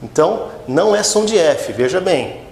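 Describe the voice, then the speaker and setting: A man from Brazil teaching English pronunciation, repeating each word slowly and checking in with his students after every few words. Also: lively intonation, gravelly, darkish tone. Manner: slow, repeats words for drilling, frequent "tá?" and "ok?" checks. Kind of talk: pronunciation lesson. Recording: echoey room with faint rumble.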